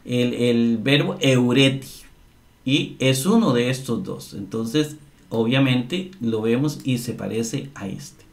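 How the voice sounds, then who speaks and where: Male teacher, unhurried delivery, repeats key terms, walks through grammar step by step. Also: mid-range voice, vocal fry. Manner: slow, explanatory, repeats words and asks "¿verdad?". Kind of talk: screen-share grammar lesson.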